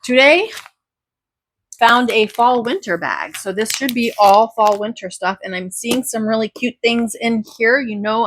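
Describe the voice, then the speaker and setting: A woman reselling thrifted clothes, chatting casually and rambling through a haul video, her voice a bit raspy from talking all day. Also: a little high, a bit bright, slight background noise. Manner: chatty, rambling, self-correcting. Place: at home beside a pile of clothes.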